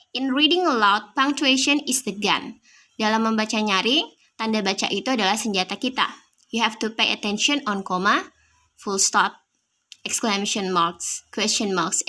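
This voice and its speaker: A woman explains reading tips in a casual teaching manner, slipping English into her talk. Her voice is bright and a little high, and she sounds out words to demonstrate stress. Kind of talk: casual tutorial.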